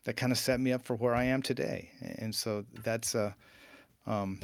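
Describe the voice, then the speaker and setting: A man's voice: medium pitch, steady tone, moderate pace, vocal fry, a little hiss or hum. A man in a casual panel conversation who talks hesitantly, with many ums and stammered starts.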